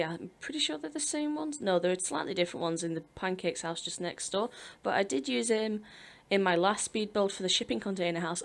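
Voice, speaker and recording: A woman's voice: lowish voice, creaky. A woman in her twenties with a British accent, chatting casually and rambling over a video game build, laughing now and then. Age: 20s. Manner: rambling, chatty, self-deprecating, laughs often. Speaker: Sims speed-build YouTuber. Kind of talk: casual chat over gameplay.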